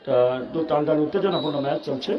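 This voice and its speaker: A Bangladeshi man giving excited, urgent live football commentary, repeating stock phrases as he follows the play. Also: a little high, fast talker, lo-fi sound. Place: outdoor football ground.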